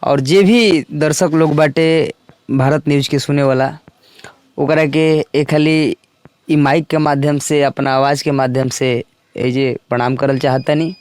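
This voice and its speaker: A young male singer talks about his work in an earnest, unhurried way, polite and steady. His voice sits somewhat high for a man. The sound is dry, with no room echo. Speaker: Bhojpuri singer and songwriter. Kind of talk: casual interview talk.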